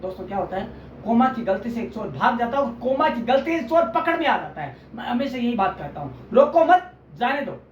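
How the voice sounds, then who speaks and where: Lively lecturing man in an echoey room. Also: very high-pitched, fairly quick. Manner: explains with homely examples, often calls listeners friends. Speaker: journalism teacher. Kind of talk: online lecture. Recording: roomy, distant, dull with faint hiss.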